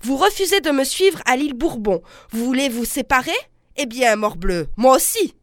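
A woman's voice: sits high, lively intonation, normal speed, no room sound, studio quality, pitched above the performer's own voice. A woman reading aloud the lines of a domineering, furious male colonel husband, blustering and scornful. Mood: angry. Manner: blustering, scornful, shouting insults.

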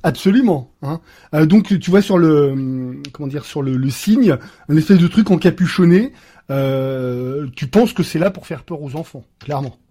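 A man's voice: fairly high pitch, animated, normal speed, mellow. A man narrating as game master of a tabletop role-playing game, hesitant with frequent filler sounds and restarts, adding playful sound effects to his descriptions.

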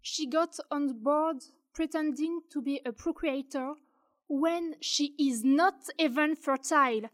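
A woman's voice: high voice, slow pace. A woman playing a spiteful young crew member who threatens to spill secrets, in a student audio drama. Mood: scornful. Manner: scornful, threatening.

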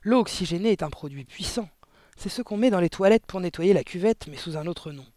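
A shrieking, hysterical mother from a storybook reading, put on by a reader. Her voice is pushed high and loud, with wild, lively swings in pitch. The sound is dry and close. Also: fairly quick, no echo, lightly acted. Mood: scornful. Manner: shrieking, scolding. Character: shrill hysterical middle-aged mother. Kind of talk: audiobook reading.

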